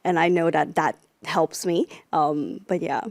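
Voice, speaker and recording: A young Filipina startup co-founder answers interview questions casually and chattily, using "like" as a filler again and again. Her voice is low, her pace measured, and there's no echo.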